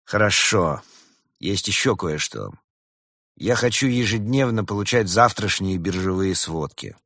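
A man's voice: low-pitched, expressive, unhurried, a bit bright, no room sound, clean studio sound, heavily acted. A man voicing a scheming male badger businessman in a read-aloud fairy tale, sly and wheedling.

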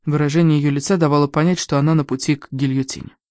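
An audiobook narrator reading a first-person story in a steady, plain storytelling manner. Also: mid-range voice, fast, dry recording, studio quality.

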